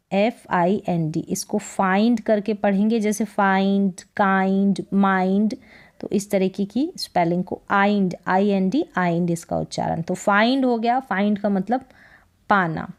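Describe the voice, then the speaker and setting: Unhurried woman teacher going over english words one by one, says each a few times, asks what it is. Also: mid-range voice. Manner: patient, repeats each word and asks "kya hai?". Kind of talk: slow Hindi-medium spelling lesson.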